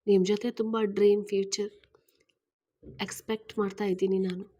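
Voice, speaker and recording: An earnest man in his thirties speaks gently and eagerly as he asks a woman to marry him, voiced by a woman reading a storybook aloud. His words are persuasive and hopeful, in an everyday mid-range voice. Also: medium pitch, level tone, moderate pace, natural voice.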